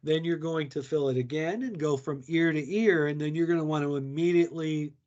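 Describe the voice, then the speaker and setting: A man's voice: a little high, fairly even intonation, fairly quick, a little mellow, dull audio. Man explaining hair care products. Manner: conversational, explanatory, with frequent fillers. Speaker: product educator. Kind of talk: product training talk.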